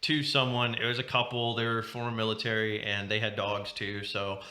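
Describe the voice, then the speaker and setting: A man's voice: lowish voice, little pitch movement, normal speed, sharp tone. A young man on a podcast, telling a rambling story with lots of laughs and asides. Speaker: podcast co-host. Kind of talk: casual chat. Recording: roomy echo.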